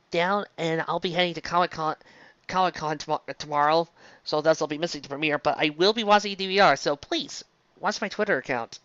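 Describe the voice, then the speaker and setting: This is a casual, digressive ramble from a fan fiction reviewer who keeps stumbling into restarts mid-phrase. The voice is medium-pitched and a bit bright, and the recording is dry, close, dull and lo-fi.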